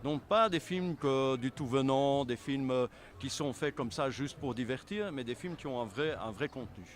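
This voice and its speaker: Being interviewed as a film selection association member, a man of medium pitch talks at a normal pace. His answers are conversational and explanatory, often rephrased mid-thought, with faint city sounds behind him.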